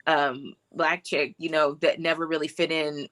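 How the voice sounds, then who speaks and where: A woman in her thirties sits as the guest on a talk show and tells her life story in a casual, reflective way. Her voice is bright, and she drops in fillers and laughs easily. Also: low-pitched, flat delivery, normal speed. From born in Hawaii, grew up in Texas. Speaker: filmmaker guest.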